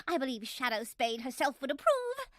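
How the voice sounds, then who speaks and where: Dramatic refined unicorn designer, posh, swooping expressive voice, dry close mic. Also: female voice, high-pitched, moderate pace, no echo. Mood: charming. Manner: posh, theatrical, elegant diction. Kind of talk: cartoon voice acting.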